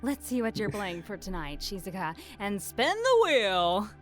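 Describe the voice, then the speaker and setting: A woman's voice: mid-range voice, big pitch swings, measured pace, soft background music. A woman voicing a theatrical, mock-sweet and sadistic female hologram AI game show host in a video game. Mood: mocking, teasing.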